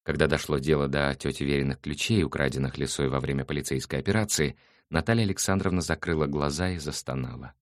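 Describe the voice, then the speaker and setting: A man narrating an audiobook in an even, measured manner. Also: very deep voice, no echo, studio quality. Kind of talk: scripted narration.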